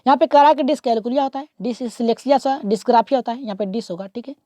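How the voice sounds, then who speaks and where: A woman's voice: fairly high pitch, very fast, dark tone, no echo, clean studio sound. A woman teaching an online exam-prep lesson, working through multiple-choice questions. She keeps asking rhetorical questions, repeats "okay" often and urges viewers to comment and subscribe.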